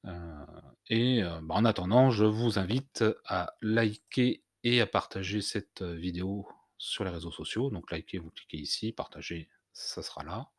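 Male tutorial host, low-pitched, halting delivery with fillers, dry close-miked sound. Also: no echo. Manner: hesitant, many "heu" fillers and restarts. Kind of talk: screen-recorded software tutorial.

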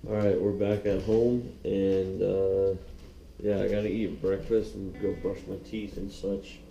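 A man's voice: deep voice, level tone, a little slow, vocal fry, warm tone, echoey room, dull audio, faint music behind. A young man vlogging casually, rambling and hesitant with many fillers, filmed on an action camera at home and in a car. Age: young adult. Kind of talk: casual vlog chat. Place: home kitchen, then inside a car. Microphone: action camera held near face. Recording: noisy car and outdoor sound.

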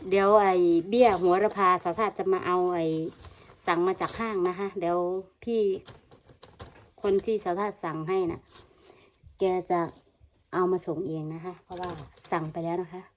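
A woman's voice: fairly low pitch, normal speed. A woman from Thailand with an Isan Thai accent, chatting casually in a home gardening vlog and often addressing her viewers as brothers and sisters. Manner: chatty, keeps calling viewers "brothers and sisters", many fillers. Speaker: vlogger. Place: home where she lives abroad, with family noise around.

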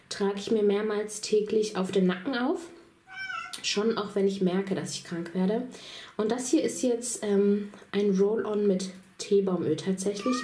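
This chatty woman in her thirties sounds a little under the weather as she talks straight to her viewers in a casual vlog. Her medium-pitched voice is mellow, with a slight hiss or hum. Holding her phone camera, she walks through her home indoors in an easy, enthusiastic tone.

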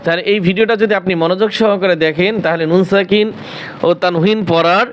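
A man teaching Quran recitation, spelling out words and asking questions he answers himself, then chanting drawn-out melodic readings. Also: high-pitched, fairly even intonation, lo-fi sound, slight background noise. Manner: drawn-out melodic recitation between quick explanations.

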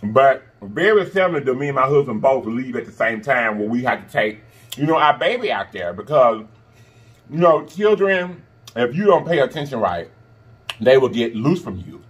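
A man with a husky voice, chatting casually and emphatically as he eats crunchy fried chicken, often pausing and humming between bites. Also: medium pitch, very animated. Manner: eating crunchy fried chicken while talking, with pauses and mm-hums; sassy, emphatic, repeats phrases for emphasis. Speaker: mukbang host. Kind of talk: casual chat while eating. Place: indoors in front of a green backdrop at a table of food.

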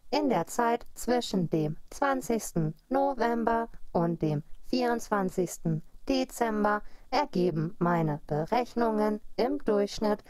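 A woman voicing a cold, calculating female clockwork computer with a metallic machine voice, measured and coaxing. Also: medium pitch, animated, a little mellow, no room sound, poor audio. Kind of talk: audio story acting.

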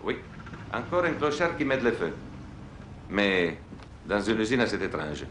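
Un acteur jouant un expert en assurance ironique et agacé, au ton taquin, dans une série télé. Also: male voice, fairly low pitch, very animated, unhurried, background noise. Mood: dry. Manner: exasperated, bantering. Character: wry middle-aged male insurance investigator. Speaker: insurance expert. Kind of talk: 1980s TV series acting.

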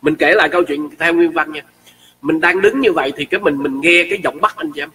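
Excitable high-voiced man. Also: fast talker, recorded from a distance, a little hiss or hum, low-quality recording. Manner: excitable, acts out shouting quotes. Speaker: storyteller. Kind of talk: animated personal storytelling.

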